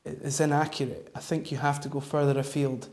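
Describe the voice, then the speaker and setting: A man gives measured interview answers. His voice is gravelly and fairly even in pitch, and he phrases things in a halting, deliberate way. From Scottish Highlands. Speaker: vox pop interviewee.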